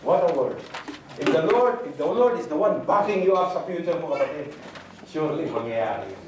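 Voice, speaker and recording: A male pastor with a fairly high, animated voice preaches at a moderate pace, mixing Tagalog and English and dramatically voicing God and the prophets with sudden rises and drops. He sounds distant in an echoey hall, with faint ambience and a noisy background.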